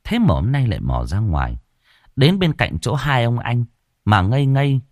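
A man narrating a horror story in an expressive storytelling manner. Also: medium pitch, moderate pace, no room sound, clean studio sound. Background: faint background music.

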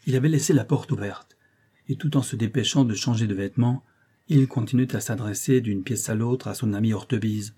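A man narrating an audiobook in a measured storytelling reading. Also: mid-range voice, dark tone, husky. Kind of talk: scripted narration.

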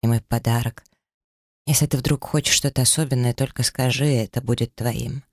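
Male reader as a withdrawn, weary man in an audiobook; heavy subdued lines, rough fry in the voice. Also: mid-range voice, fairly even intonation, normal speed, no room sound, clean studio sound, natural voice. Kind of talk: audiobook character reading.

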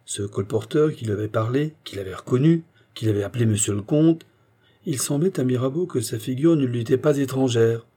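A man reading a classic novel aloud as an audiobook narrator, in a measured, expressive way. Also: mid-range voice, slightly rough. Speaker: audiobook reader. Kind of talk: scripted narration.

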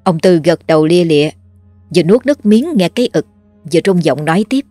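A woman narrating a horror story in a measured, dramatic way. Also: on the low side, animated, mellow, no echo. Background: faint music.

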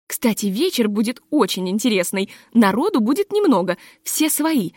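A woman's voice: a little high, normal speed, no echo, studio quality. Woman playing an eager, persuasive society friend. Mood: reassuring. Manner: reassuring, animated.

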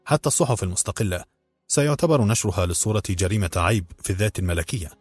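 A man voicing a calm, level-headed activist. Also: lowish voice, racing, husky, dry recording, faint music behind. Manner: quiet, calm.

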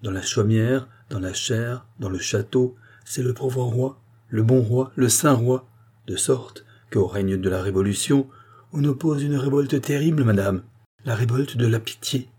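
An earnest, urgent statesman, read by a man lays out his warnings point by point. The voice is mellow and a little husky, pitched slightly up and pressing. It sounds like a classic novel read aloud as an audiobook. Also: unhurried. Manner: urgent, explanatory pleading. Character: earnest male politician warning a queen.

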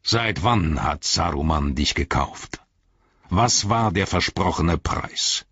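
A man voicing a grave, shrewd old wizard who speaks low and measured. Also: animated, a bit bright, slightly rough, no room sound, highs cut off, heavily acted. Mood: stern.

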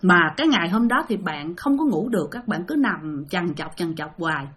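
A woman's voice: fairly low pitch, lively intonation, fairly quick, fairly bright tone. A woman with a Southern Vietnamese accent, chatting to listeners as she retells ghost stories they sent in. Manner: chatty, addresses listeners directly. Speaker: storyteller.

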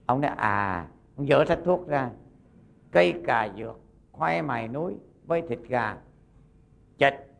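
A Buddhist monk, giving a sermon as folksy storytelling and acting out the characters' lines. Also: male voice, mid-range voice, unhurried, gravelly, long pauses.

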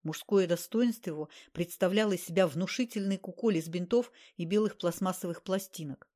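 A woman's voice: on the low side, fairly quick, dark tone. A woman reading a novel aloud in a wry, matter-of-fact narrating manner. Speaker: audiobook reader. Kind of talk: scripted narration.

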